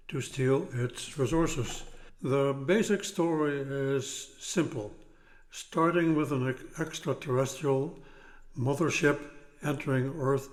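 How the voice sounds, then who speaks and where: A man in his nineties slowly reading a prepared film summary in short, halting phrases. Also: medium pitch. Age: 90s. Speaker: guest summarizing a film plot.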